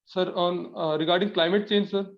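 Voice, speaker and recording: A young man with an Indian accent giving formal interview answers as a candidate, nervous, halting and very deferential. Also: sits high, steady tone. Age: young adult. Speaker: civil service candidate in a mock interview. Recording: dull lo-fi audio.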